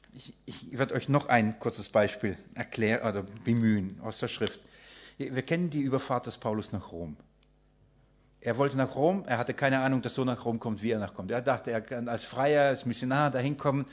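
A man preaching a sermon to his congregation, emphatic, often swinging between loud and soft and acting out the people he quotes. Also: mid-range voice, moderate pace. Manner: emphatic, acts out quoted voices and shifts loudness often.

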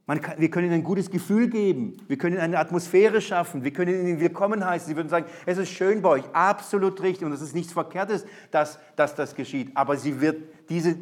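A man preaching a sermon, emphatic, with loud and quiet swings and repetitive rhetorical buildup. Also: high-pitched.

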